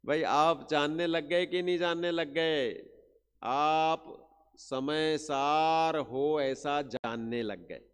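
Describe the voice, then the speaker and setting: A man giving a Jain religious discourse, stretching out chanted verses slowly and breaking into quick asides to his listeners. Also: on the high side, clear, resonant tone. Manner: slow, drawn-out chanting of verses, then quick asides to the audience. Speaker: Jain pravachan speaker. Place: large hall at a Jain pilgrimage site. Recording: long hall reverb.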